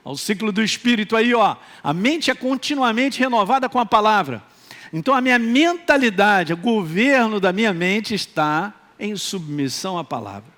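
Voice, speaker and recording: Male pastor, Minas Gerais accent, high and very expressive, animated sermon with humor. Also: normal speed. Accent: Minas Gerais Brazilian Portuguese. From Brazil, Minas Gerais. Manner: animated, joking, calls out for responses.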